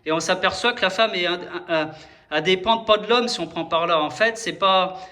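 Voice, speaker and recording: Man, high-pitched, hesitant, restarts often, talks straight to viewers, explains while writing. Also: a little fast, pushed and bright. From France. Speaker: video host explaining number codes. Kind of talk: rambling explanatory monologue.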